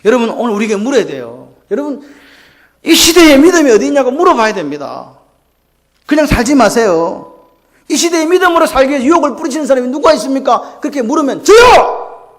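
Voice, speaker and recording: High-pitched, animated male pastor preaching. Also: quick pace. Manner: rhetorical questions and call-and-response to the congregation. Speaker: senior pastor. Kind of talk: Sunday morning sermon.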